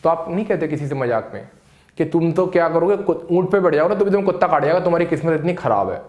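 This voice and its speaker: A man teaching idioms in a casual lesson, explaining in Hindi and reading examples slowly. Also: a little high, animated, lo-fi sound. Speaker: English teacher. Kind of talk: casual spoken English lesson. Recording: echoey room.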